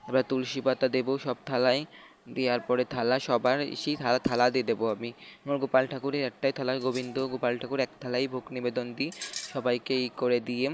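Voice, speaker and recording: A man narrating a home worship ritual step by step for his channel viewers. He talks in a halting way, repeats himself often and keeps inviting his viewers to watch. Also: mid-range voice, slight background noise. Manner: halting, repetitive explanations with frequent restarts and fillers. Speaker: channel host. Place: home prayer room.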